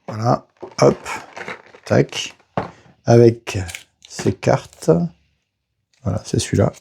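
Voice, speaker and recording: A man casually narrating a board game unboxing, hesitant and halting, filling pauses with little interjections as he handles each piece. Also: fairly low pitch, vocal fry, dark tone, breathy edge. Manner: slow, hesitant, narrates each step with "voilà" and "hop".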